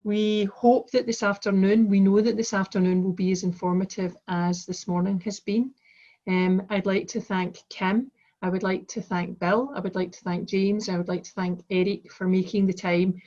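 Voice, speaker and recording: A woman's voice: medium pitch, steady tone, moderate pace, warm tone. A woman with a broad Glaswegian Scottish accent, formally and courteously giving a chair's welcome address over a dull video-call connection. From Glasgow, Scotland. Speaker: conference chair giving opening remarks. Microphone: video call microphone.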